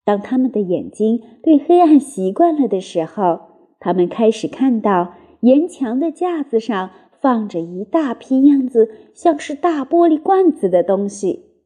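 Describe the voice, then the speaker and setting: A woman reading a children's story aloud in a lively, expressive way. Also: fairly high pitch, a little slow, husky.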